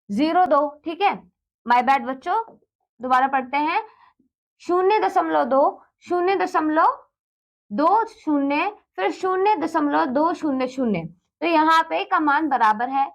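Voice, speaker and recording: A woman teaching math to children, explaining step by step with patience, asking the class questions and then answering them, and mixing English words into her speech. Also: sits high. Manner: mixes English words into Hindi.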